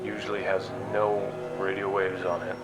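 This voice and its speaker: Over prominent background music, a low-pitched man narrates and plays the lead, a guarded investigator sending out secret broadcasts in a sci-fi drama. He sounds close to his everyday voice, with little pitch movement, delivering confessional narration and dialogue in a halting, understated, conversational manner that feels skeptical and probing.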